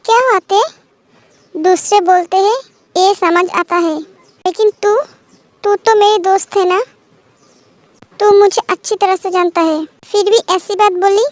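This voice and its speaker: A woman's voice: very high-pitched, steady tone, measured pace, pauses often, no room sound. A woman voicing an emotional young wife who reproaches a friend in a fan-made audio story. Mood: hurt, indignant. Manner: indignant, reproachful.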